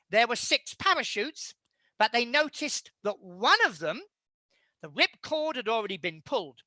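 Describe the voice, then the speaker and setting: Bright-toned man giving a halting lecture. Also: extremely high pitch, no echo. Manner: measured, halting with frequent fillers. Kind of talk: illustrated history talk.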